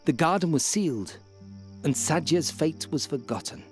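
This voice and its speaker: An actor playing a grave, sentimental old male storyteller who tells a tale in a solemn, measured way. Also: fairly high pitch, animated, faint music behind, close to an everyday voice. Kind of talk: game voice acting.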